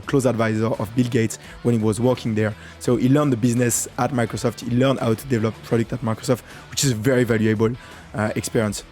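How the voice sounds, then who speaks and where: A man's voice: mid-range voice, a little mellow. A man hosting an interview, introducing his guest and asking questions in a hesitant way, full of fillers. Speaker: podcast host. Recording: faint guitar music behind.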